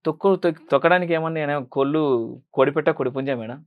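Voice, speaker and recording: A young man speaking Telugu with a Rayalaseema accent, pouring out his answers at a very fast clip. His voice sits a little high and he keeps deferring politely to the interviewer. The sound is close and clean. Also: smooth, narrow, tinny audio. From Rayalaseema, India. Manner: earnest, rapid, addresses interviewer as madam constantly. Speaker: film director and actor.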